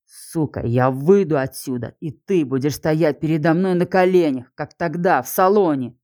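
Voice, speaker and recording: A woman's voice: sits low, moderate pace, a little mellow, dry recording, clean studio sound, close to an everyday voice. A woman voicing a brutal, furious male villain behind bars, snarling insults in an audiobook.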